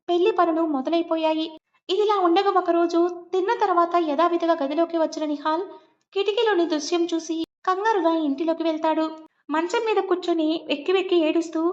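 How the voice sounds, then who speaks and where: A woman with a very high voice reads a romance story aloud in a steady, even way. The recording sounds dull and muffled. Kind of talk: scripted narration of a romance story.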